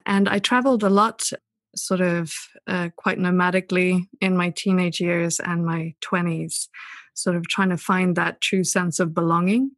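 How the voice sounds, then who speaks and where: A woman from Southern Africa, a poet and author, answering interview questions in a thoughtful, gentle way. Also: fairly low pitch, fairly even intonation, moderate pace, no echo. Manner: thoughtful, gentle, with many "sort of" hedges. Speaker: podcast guest, poet and author.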